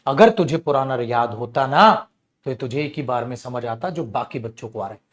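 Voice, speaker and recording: A man with a Hindi accent teaching English grammar in an online class, animated and scolding, calling his students beta. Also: medium pitch, normal speed.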